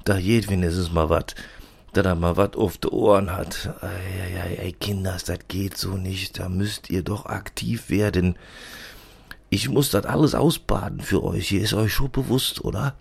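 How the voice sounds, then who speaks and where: A man plays a chatty lab assistant who grumbles on and on in a broad Rhineland accent, losing track of names as he goes. His low voice is gravelly and husky throughout. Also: fairly even intonation, normal speed, full character voice. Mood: grumbling. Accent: Rhineland German. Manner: rambling, fumbling for names, complaining. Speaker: podcast character. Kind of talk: comic character monologue.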